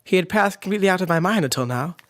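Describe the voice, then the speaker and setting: A man's voice: high-pitched, lively intonation, racing, a bit bright. Man acting as polite, genial Doctor Watson. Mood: reflective. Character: genial, loyal gentleman doctor, Victorian England. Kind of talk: audio drama acting.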